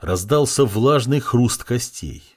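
Husky guy reading a dark audiobook, brooding and tense, pitch swings around a lot. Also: expressive, slow pace. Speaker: audiobook narrator. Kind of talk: dramatic audiobook narration.

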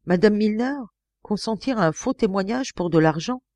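A woman's voice: medium pitch, lively intonation, normal speed, darkish tone, no echo, pitched above the performer's own voice, lightly acted. Woman voicing a blustery police commissioner. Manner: hearty, exclamatory. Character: genial older male police commissioner, blustery. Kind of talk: audiobook character reading.

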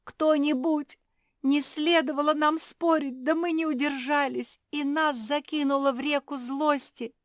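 A woman voicing a lively, insistent young female pug in a children's audiobook, with a raised, eager voice. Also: mid-range voice, a little slow, dry recording, clean studio sound. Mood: desperate.

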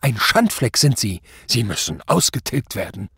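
A man voicing a cruel Nazi judge who mocks and shouts at the accused in a story reading. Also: medium pitch, big pitch swings, moderate pace, husky, no echo, studio quality, heavily acted. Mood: raging. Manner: mocking, shouting, furious. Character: cruel, sneering, bellowing male Nazi judge.

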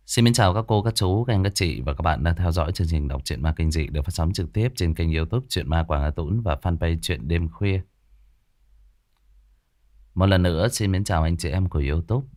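A man's voice: low-pitched, brisk, a little mellow, no echo, clean studio sound. A man hosting a live-streamed horror story reading, chatty with listeners and full of filler sounds. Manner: chatty, greets viewers, many filler sounds. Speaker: host and ghost story reader.

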